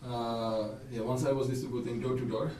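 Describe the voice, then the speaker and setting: Guy telling a distribution story, halting and restarting, roomy far mic. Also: mid-range voice, flat delivery, a little mellow. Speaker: book distributor. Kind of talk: casual storytelling. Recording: echoey room, distant mic, faint noise.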